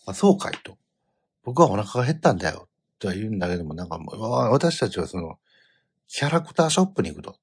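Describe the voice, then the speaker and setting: A middle-aged man with a Kansai accent tells a rambling family story in a casual way. His voice is low and a little husky, and his pitch swings widely as he gets animated. Now and then he bursts out loudly. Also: fast talker. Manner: animated storytelling, bursts into loud quoted outbursts. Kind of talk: casual chat.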